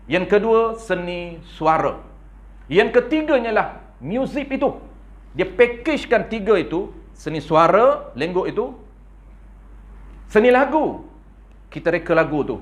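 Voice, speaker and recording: A man with a Malaysian Malay accent giving a religious lecture in a prayer hall, animated and playful, often tagging his points with a questioning "ha?". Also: high voice, normal speed. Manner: playful, acts out little scenes. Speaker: religious teacher.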